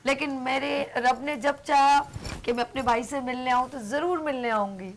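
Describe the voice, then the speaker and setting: A woman with a Pakistani Urdu accent speaks at normal speed in a high voice, with a little hiss or hum in the recording. Hosting a live morning TV show, she chats and teases playfully in casual live TV talk, her throat a little sore.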